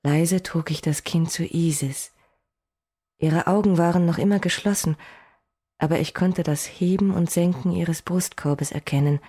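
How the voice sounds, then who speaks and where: A woman narrating a first-person fantasy audiobook, expressive with dry, wry asides. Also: lowish voice, a little slow.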